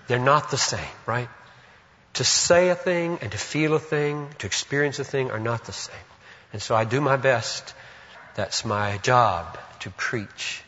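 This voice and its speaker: An older man preaching a sermon, moving between raised urgent exhortation and quiet, slow, deliberate reflection. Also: medium pitch. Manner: earnest, swings from loud exhortation to hushed reflection; slow, deliberate repetition of phrases. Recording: long reverb, dull lo-fi sound.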